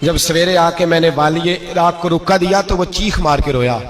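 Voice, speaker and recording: An impassioned male preacher tells a moral story. His fairly high voice swells to emphatic peaks as he presses each point home. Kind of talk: emotive sermon storytelling.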